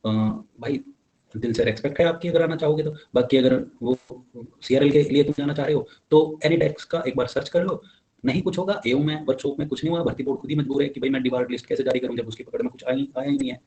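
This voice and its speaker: A young man, an exam candidate, gives an informal spoken update to fellow applicants, insistently and repetitively urging them on. His voice is medium in pitch, steady and warm, and he talks fast. The recording is rough.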